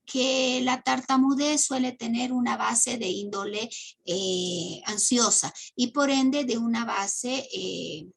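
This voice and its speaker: A woman's voice: a little high, vocal fry, fairly bright tone, husky. A woman teacher giving an online class lecture, explaining step by step with many "eh" fillers and "¿no?" tag questions.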